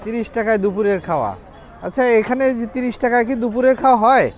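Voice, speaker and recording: A man with a high voice presents as a roving vlog host out in a market. He chats casually, puts simple questions to people and echoes their replies back to check them. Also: fast talker, a faint crowd. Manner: repeats answers back as questions. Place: outdoors at a busy village market.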